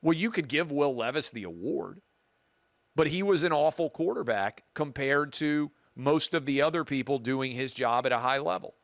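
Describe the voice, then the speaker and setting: A talk show host with a booming voice gives emphatic commentary, repeating key points for effect. He is animated, with a fairly bright tone and a moderate pace, and there is no room sound.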